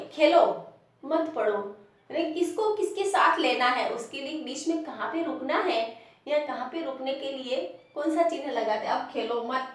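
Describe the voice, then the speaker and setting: A woman teacher with a Rajasthani Hindi accent, giving a classroom lesson, explaining slowly and repeating example sentences with stress. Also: sits high, recorded from a distance. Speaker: primary school teacher. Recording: very echoey room, voice off-mic.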